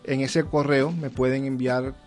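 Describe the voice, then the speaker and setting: A man's voice: medium pitch, steady tone, measured pace, soft background music. A man speaking earnestly as a guest in a faith interview, preaching and telling a fable. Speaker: guest, ministry counselor.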